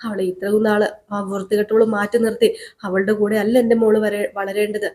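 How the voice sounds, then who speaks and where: A woman's voice: medium pitch, flat delivery, fairly quick, natural voice. A woman voicing an angry grown man, a father who insistently demands to see his daughter, in a serial recap. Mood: demanding. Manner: shouting, insistent, repeating demands.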